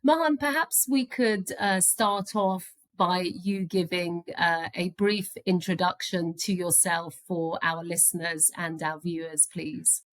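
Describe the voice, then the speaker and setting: Woman podcast host, lower voice, formal and courteous, dry close sound. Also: steady tone, slow, few pauses, a bit bright, no room sound. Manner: polite, formal. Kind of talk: hosted interview podcast.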